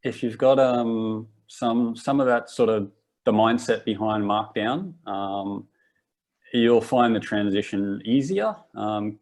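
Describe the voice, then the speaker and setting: The host of this laid-back live workshop is a young Australian man in his twenties. His voice is on the low side and a little mellow, and he speaks slowly, drifting along and restarting sentences often.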